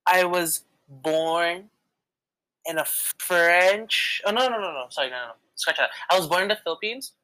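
A woman's voice: lowish voice, normal speed, bright, forceful tone, no echo, poor audio. A young woman co-hosting a casual podcast, chatty and hesitant, with lots of fillers. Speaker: podcast co-host. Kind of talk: casual chat game with a friend.

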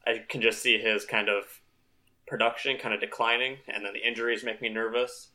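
A man's voice: medium pitch, flat delivery, brisk, bright, forceful tone. A young man co-hosting a casual fantasy football podcast, wry and easygoing. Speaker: podcast co-host.

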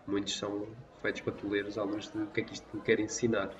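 A man's voice: on the low side, completely flat delivery, fast, distant mic. A young man from Portugal with a European Portuguese accent, explaining his views in a reflective casual chat. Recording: dull sound from off-mic.

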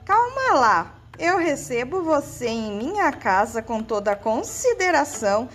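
A woman's voice: high voice, big pitch swings, measured pace, soft background music. A woman voicing a fearful, stubborn little male piglet in a children's story. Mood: indignant.

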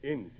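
An actor playing a gruff, kindly old fisherman with salty, folksy talk in an old-time radio drama. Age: older. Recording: muffled, narrow-band old radio recording.

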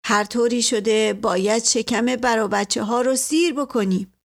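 A weary older village man, as a woman reading puts him on. His speech is measured and resigned, in a raised, gravelly voice. It is a storybook reading. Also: fairly high pitch.

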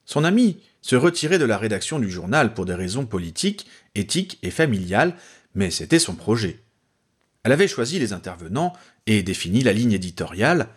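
A man narrating a story aloud with a low, husky voice. His delivery is lively, his pitch moving freely through each sentence. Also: fairly quick. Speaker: reader. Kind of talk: reading fan fiction aloud.

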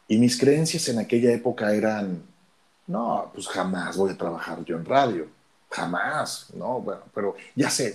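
A deep-voiced radio announcer recounts his story in a casual chat, acting out the lines of dialogue in his Mexican Spanish accent. His tone is darkish.

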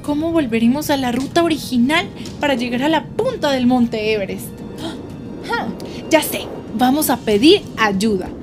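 A woman telling a guided yoga adventure story for children, leading breaths and moving between hushed whispers and excited cheers. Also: high-pitched, moderate pace, over music.

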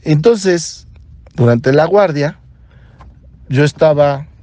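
A man with a Mexican accent, a podcast host and doctor, telling a story in an animated way and acting out the dialogue. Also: a little high, slow, dry recording. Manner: animated, acts out dialogue in other voices. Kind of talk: storytelling monologue.

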